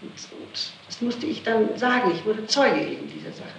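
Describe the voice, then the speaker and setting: On an old, noisy, echoey tape made with a distant mic, a middle-aged woman under interrogation answers questions as the accused, sounding emphatic, indignant, and defensive. Her voice is mid-range, gravelly, and expressive, at a moderate pace.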